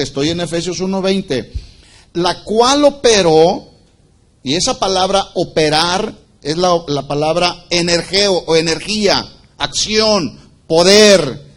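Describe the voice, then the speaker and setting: Slow-preaching high-voiced male pastor. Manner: teaching with questions to the congregation. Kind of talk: sermon.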